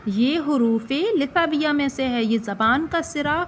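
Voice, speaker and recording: High-voiced woman teaching letter sounds. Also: slight background noise. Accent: Pakistani Urdu. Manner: patient, repeats letter sounds slowly and asks questions back to the learner. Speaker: Quran reading teacher. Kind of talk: step-by-step recitation lesson.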